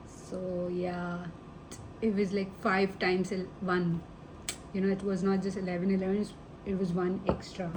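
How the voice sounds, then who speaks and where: A woman's voice: medium pitch, noisy background. A woman giving a casual tarot reading to the viewer, affectionate and rambling, calling them babe and honey. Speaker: tarot reader.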